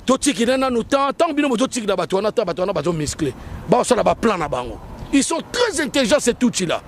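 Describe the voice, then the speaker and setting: Man, Congolese French accent, high voice, emphatic, repetitive, political chat. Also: sing-song, quick pace, a little hiss or hum. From Democratic Republic of the Congo. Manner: emphatic, mixing languages, repeating points. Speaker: guest.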